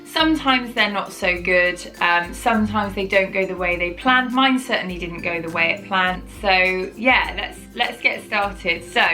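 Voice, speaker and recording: A woman's voice: mid-range voice, measured pace, few pauses, bright, forceful tone, soft background music, poor audio. A woman, telling her own story to camera in a chatty, rambling way, often correcting herself. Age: 30s. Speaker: parenting vlogger.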